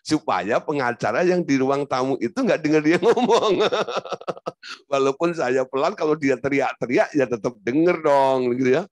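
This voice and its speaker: A man's voice: medium pitch, moderate pace, no echo. A male pastor preaching a sermon, telling a story, acting out quotes and asking the congregation rhetorical questions.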